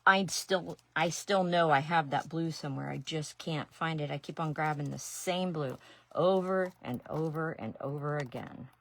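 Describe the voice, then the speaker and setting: She's a middle-aged Ohioan with a local accent, a resin artist and painting teacher chatting casually as she crafts on a live stream. Her talk rambles and includes jokes at her own expense. Her voice is low and her pace moderate.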